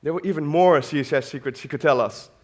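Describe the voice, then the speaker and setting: A man's voice: a little high, quick pace. A man hosting a conference who introduces the next speaker in a casual, enthusiastic, rambling way. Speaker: conference host. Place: conference hall.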